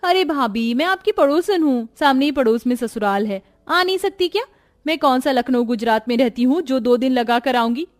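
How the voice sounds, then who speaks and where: A woman's voice: normal speed, lightly acted. A woman voicing a lazy, scheming young married woman in a cartoon, talking in a bratty, cheeky way. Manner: bratty and cheeky, high and sing-song. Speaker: sister-in-law character. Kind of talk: cartoon voice acting.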